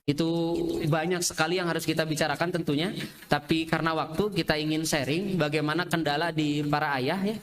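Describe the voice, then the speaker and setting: A man with a Sundanese accent giving an Islamic study talk to fathers, lively and chatty, often calling his listeners "Pak" and jumping up in pitch when he acts out examples. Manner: swings sharply up in pitch when acting out examples.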